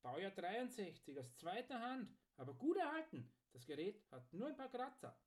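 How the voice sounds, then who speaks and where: A man's voice: high voice, sing-song, moderate pace, pitched above the performer's own voice. A man voicing a cheerful, proud blacksmith in an audiobook story. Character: cheerful, proud middle-aged male blacksmith. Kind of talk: audiobook character voice.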